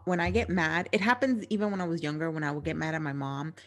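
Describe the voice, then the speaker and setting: Lively woman with a slightly low voice. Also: quick pace. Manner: animated storytelling, laughs often. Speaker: podcast co-host. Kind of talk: casual chat.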